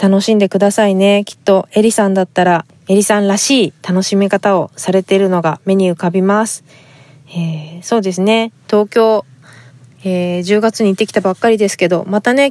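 A woman's voice: mid-range voice, a little mellow. A woman from Fukuoka, Japan, hosting a podcast and reading listener letters in a polite, chatty way with frequent fillers. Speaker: podcast host.

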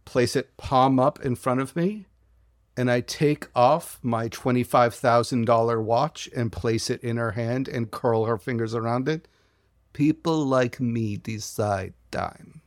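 A man playing a tabletop game, describing his character's actions in a slow, deliberate way. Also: medium pitch, steady tone, no echo, studio quality. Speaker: player.

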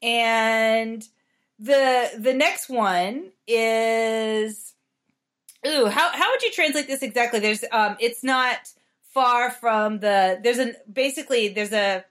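Casting: female learner-host, native Spanish speaker, fairly high voice, chatty lesson style, keeps checking she has it right. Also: slow, a bit bright. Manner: checks understanding with frequent short questions. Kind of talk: conversational language lesson.

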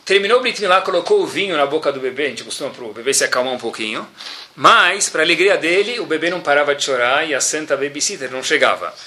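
A man tells a religious story in a lively, animated sermon style. His voice is high and bright. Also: quick pace, slight background noise.

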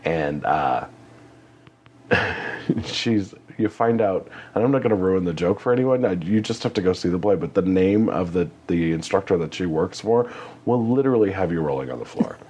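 Deep-voiced chatty man, faint hiss. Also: lively intonation, normal speed, darkish tone. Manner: chatty, laughing, rambling with fillers. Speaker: guest, community theater actor. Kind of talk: casual chat.

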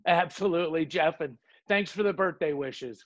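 Male interview guest, fairly high voice, plain-spoken conversational forecaster, very dry recording. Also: moderate pace, no echo, highs cut off. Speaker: podcast guest, economic forecaster.

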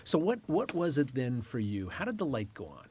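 A man's voice: mid-range voice, very animated, a little mellow, breathy edge. A man interviewing a guest, asking questions and answering with short agreements. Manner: engaged listener, quick laughs and short replies.

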